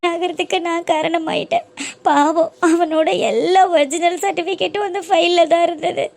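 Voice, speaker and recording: A woman's voice: very high-pitched, steady tone, moderate pace, darkish tone, soft background music. A woman voicing a remorseful, apologetic young woman in a family cartoon. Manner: pleading, self-blaming. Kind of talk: cartoon dub acting.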